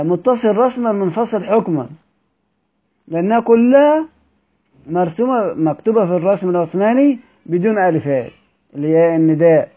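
This Egyptian-accented man teaches Quran orthography, first reciting a classical passage in formal Arabic and then explaining it in colloquial speech while quizzing his students. His voice is high-pitched and mellow.

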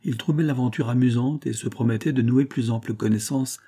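A man narrating a classic novel in a measured, even storytelling manner. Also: mid-range voice. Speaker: audiobook narrator. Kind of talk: literary audiobook narration.

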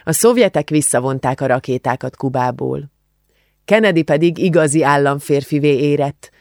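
Hungarian guy narrating a novel, gravelly voice, super dry close mic. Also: on the high side, a little mellow, no room sound. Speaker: audiobook narrator. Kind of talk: scripted narration.

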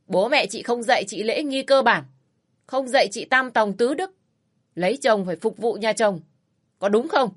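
A woman's voice: a little high, moderate pace, pitched above the performer's own voice, natural voice. A woman voicing an angry, domineering old father-in-law who scolds harshly in a raised voice. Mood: furious scolding.

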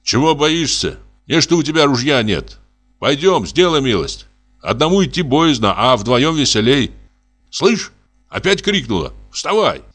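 A man's voice: mid-range voice, very animated, measured pace, a bit bright, slightly rough, faint music behind, voice pushed up, exaggerated voice. A man reading an audiobook, voicing a bold, impatient hunter who speaks in urgent commands.

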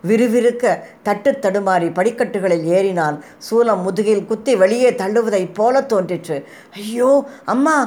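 A woman reading a historical novel aloud in a steady, dramatic storytelling manner. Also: medium pitch. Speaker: narrator.

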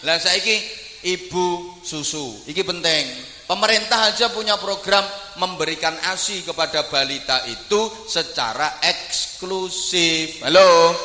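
A male preacher, his voice high and piercingly bright. He swings between playful jokes and loud, fervent declamation. The sound rings out with long reverb across a large hall, with faint room ambience behind. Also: a little hiss or hum. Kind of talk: humorous sermon.

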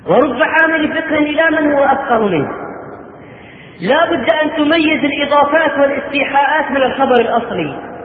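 A man preaching a sermon, retelling a story with short quoted lines and then exhorting his listeners. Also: very high voice. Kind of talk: recorded sermon lecture. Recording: phone-like, echoey hall recording.

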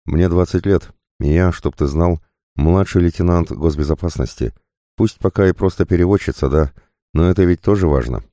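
A man's voice: sits low, normal speed, warm tone, no echo, studio quality. A man reading an audiobook voices a serious, dignified young woman in her twenties who serves as a junior state security officer. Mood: earnest. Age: young adult. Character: earnest proud young woman, Soviet officer.

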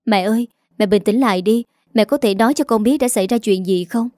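A woman voicing a young office-worker daughter, soft and pleading with her mother. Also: on the high side, brisk, no echo, studio quality, lightly acted. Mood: worried.

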